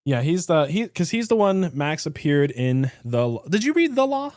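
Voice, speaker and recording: A man hosting a casual book chat, talking excitedly with lots of fillers. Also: a little high, normal speed, no echo, studio quality. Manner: excited, many fillers, frequent laughs. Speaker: podcast host.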